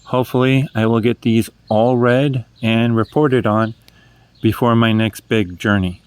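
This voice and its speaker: A first-time book vlogger over fifty, from New Hampshire and speaking with a New England accent, rambles casually into a handheld phone while poking fun at himself and revising what he says. His mid-range voice is clear, resonant and a little mellow, with fairly even intonation and a measured pace. There is no echo.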